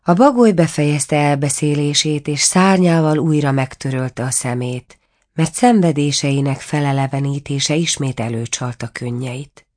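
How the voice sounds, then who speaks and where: A woman reading a fairy tale aloud in a measured, even manner. Her voice is low for a woman. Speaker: narrator. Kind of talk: storybook reading.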